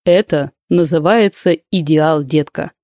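Audiobook: woman voicing a joking thirtyish guy, slow drawl, mock-grand, warm low tone, dry close sound. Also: no echo. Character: young male coworker, joking, teasing, about thirty. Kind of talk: audiobook reading.

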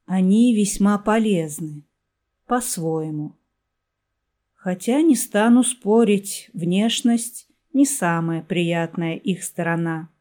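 A woman voicing a gaunt, hooded male shopkeeper who speaks in a quiet, breathy half-whisper with an aloof, formal manner. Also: fairly low pitch, slow pace. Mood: cool.

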